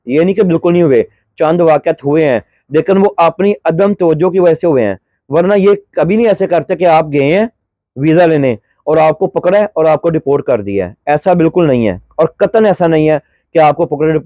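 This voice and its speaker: A man's voice: a little high, mellow, no room sound. A middle-aged man from Pakistan giving brotherly, pleading advice in a vlog, feeling a little unwell. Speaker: vlogger giving advice to migrants.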